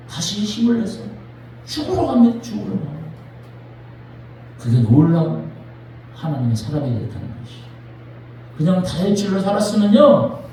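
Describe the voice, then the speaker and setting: A man, a pastor, preaching a sermon in a church with animated, dramatic storytelling. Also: fairly high pitch, slight background noise. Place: church sanctuary. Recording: echoey church from a distant mic.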